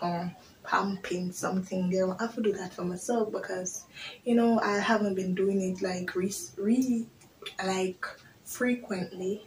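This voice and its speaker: A woman's voice: medium pitch, a little mellow, rough recording. A young woman in her twenties with a lilt talks casually to her camera, candid and a little rambling. She is recorded in a small bedroom on a camera sitting on a desk, with a faint hum of ambience behind her. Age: 20s. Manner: chatty, candid and rambling, with creole-flavored grammar. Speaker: vlogger. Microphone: device camera on a desk.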